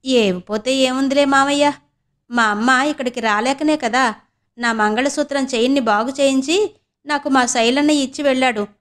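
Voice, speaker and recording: A cheeky young niece and student in an audiobook, as a woman narrator voices her, teasing and grumbling in quick, chatty asides. The voice is fairly high and lively. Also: natural voice.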